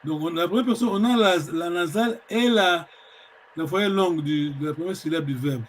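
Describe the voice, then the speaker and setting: Man, high voice, language teacher; slow explanations, lots of hesitations and drawn-out words. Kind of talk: online language lesson.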